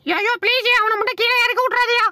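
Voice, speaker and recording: Squeaky fast-talking comic woman. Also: steady tone, loud music behind the voice. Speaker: voice-over artist for animal comedy clips. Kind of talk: comic mind-voice dubbing. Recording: loud background noise.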